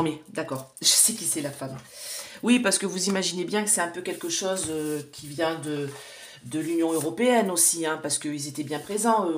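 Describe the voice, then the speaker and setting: A woman in her forties with a low-pitched voice reads oracle cards in a relaxed, chatty way. She addresses her viewers directly and hesitates often as she speaks. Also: slight background noise. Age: 40s. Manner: chatty, talks straight to viewers with many hesitations. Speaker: psychic card reader. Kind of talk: casual oracle card reading to camera.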